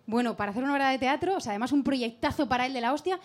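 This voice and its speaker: A woman's voice: sits high, animated, rapid-fire. A woman, a podcast guest telling stories in chatty, casual talk. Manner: chatty, storytelling, swears freely. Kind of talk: casual chat.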